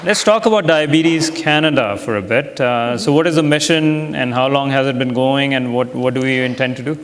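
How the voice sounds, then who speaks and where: A man of middle pitch interviews guests in a polite, halting way, often pausing on fillers. His voice carries a long reverb, as if in a large hall. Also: fairly bright tone, slight background noise. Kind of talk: conference interview.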